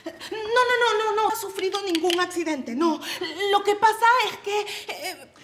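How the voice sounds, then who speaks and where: An actress playing a nervous goddaughter who frets anxiously. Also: female voice, very high-pitched, measured pace, a bit bright, roomy sound, in a large hall, a little hiss or hum. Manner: fretful, anxious. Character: nervous young goddaughter, fretful. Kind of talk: telenovela acting.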